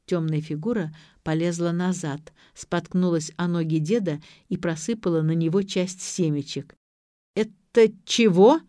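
Audiobook narrator: a woman, lowish voice, close and dry. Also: moderate pace, few pauses, no echo. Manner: lively first-person storytelling.

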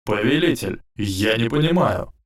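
A man's voice: medium pitch, animated, unhurried, pitched above the performer's own voice, close to an everyday voice. A man doing a blunt, apologetic masked henchman. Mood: candid. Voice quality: frank, apologetic.

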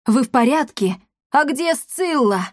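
A woman's voice: high voice, lively intonation, a little slow, no echo, pitched above the performer's own voice. Woman doing a fussy male apothecary, chatty and raised, dry storybook read. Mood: relieved.

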